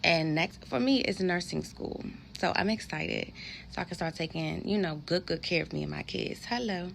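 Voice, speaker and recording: A woman tells her viewers a story in a frank, casual way, swearing freely and calling them y'all. Her voice sits a little low with a gravelly edge. A faint hiss of background noise runs under the recording. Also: normal speed. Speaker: vlogger.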